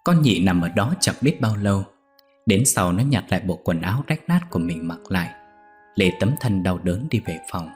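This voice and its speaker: Low-voiced man narrating a ghost story. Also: soft background music. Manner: measured, steady storytelling.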